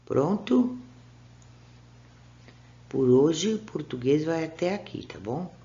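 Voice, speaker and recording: A Brazilian woman teaching young children in a recorded class, giving patient, clear, step-by-step instructions. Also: deep voice, animated, moderate pace, mellow. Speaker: primary school teacher. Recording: dull lo-fi recording.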